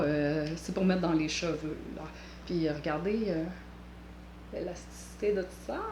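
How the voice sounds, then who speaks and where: A woman with a Québécois French accent hosts a knitting vlog, chatting in a rambling, playful way with jokey asides. Her voice is medium-pitched, the sound is roomy, and there's slight background noise.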